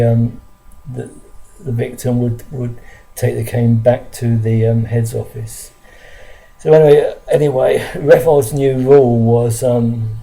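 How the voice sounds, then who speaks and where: Older man, very dark gravelly voice, halting earnest recollection to camera. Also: medium pitch, slight background noise, rough recording. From London, England. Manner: halting, earnest storytelling with many restarts. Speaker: storyteller recalling his school days. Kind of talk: casual spoken recollection to camera. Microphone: camera close in front of him.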